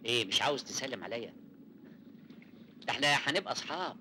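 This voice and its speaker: An actor playing a smooth, confident, persuasive man with an Egyptian accent in a classic film. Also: mid-range voice, lively intonation, fast, pushed and bright, a little hiss or hum. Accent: Egyptian Arabic.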